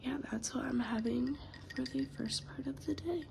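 A high-pitched whisper with vocal fry comes at a normal speed from a college student in her twenties. Nursing a cold that leaves her throat scratchy and nose congested, she chats casually to a close-held phone camera in a small room indoors at home.

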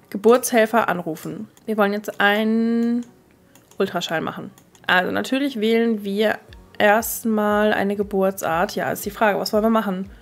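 A woman hosting a let's play, chatting casually and excitably as she talks to her game characters and her viewers. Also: medium pitch. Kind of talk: casual gameplay commentary.

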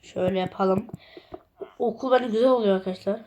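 With a medium-pitched voice and a slightly fast delivery, a young female gaming creator builds in a game while chatting casually to viewers. She often counts blocks softly under her breath.

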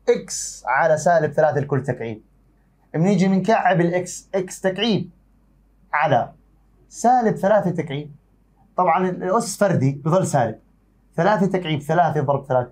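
Jordanian guy teaching math online, quick and a bit husky, talks fondly to students and quizzes himself. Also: on the high side, a little mellow. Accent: Jordanian Arabic. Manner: affectionate, asks and answers his own questions. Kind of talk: online exam-prep math lesson.

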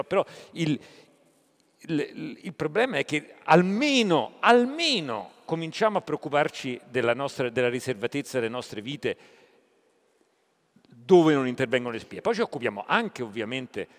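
A man speaking as a journalist on a public panel, pausing often with "eh" fillers between phrases. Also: medium pitch, big pitch swings. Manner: halting, with many "eh" fillers. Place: hall at a live public event. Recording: long reverb of a conference hall.

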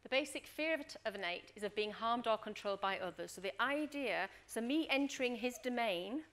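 Her voice is on the high side and she talks fairly quickly. She's a middle-aged leadership coach and workshop trainer who tells lively stories, acts out scenes, and keeps asking the room "Okay?"

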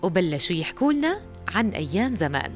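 A young woman TV host reporting from outdoors and interviewing locals with lively, engaged questions. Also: fairly low pitch, fast, over music.

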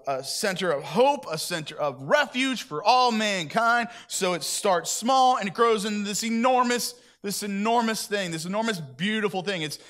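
A man's voice: high-pitched, fairly bright tone. A man preaching a sermon at church in a chatty, conversational way, often repeating himself. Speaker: pastor.

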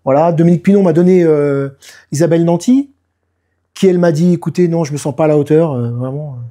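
A man's voice: fairly high pitch, fast talker. A man in his fifties, a musician, chatting in an interview and acting out what people told him. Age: 50s. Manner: lively storytelling, often acts out what people said. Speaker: musician and producer, guest. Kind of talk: casual interview talk.

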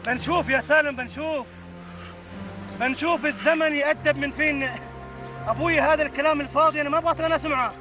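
A man's voice: extremely high pitch, fast. A brash, defiant young man. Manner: boastful, insolent. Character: defiant young man Hamoud, arrogant toward his family. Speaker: actor. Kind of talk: TV drama acting. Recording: drama audio with music underneath.

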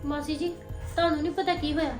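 A woman's voice: high-pitched, little pitch movement, fast talker, darkish tone, close to an everyday voice. An actress playing a young wife upset with her drinking husband, speaking in an indignant, pleading way. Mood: aggrieved. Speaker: actor. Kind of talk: family drama acting. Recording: echoey room with music underneath.

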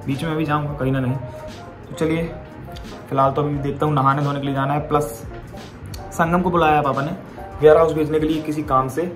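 A young adult man talks fast in a slightly high, level voice, pausing often, as music plays underneath. He rambles to his viewers through a phone camera at arm's length in a casual daily vlog.

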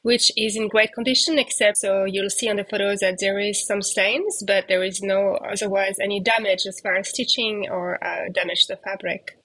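A woman giving a relaxed, chatty walking tour of a catamaran, talking outdoors on deck into a handheld phone camera, with plenty of fillers. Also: medium pitch, moderate pace, hardly any pauses, breathy edge. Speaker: yacht broker giving a boat tour.

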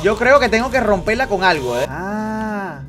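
A young man giving excited gameplay commentary, shouting when startled. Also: high-pitched, normal speed. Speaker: gamer streamer. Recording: voice over game music.

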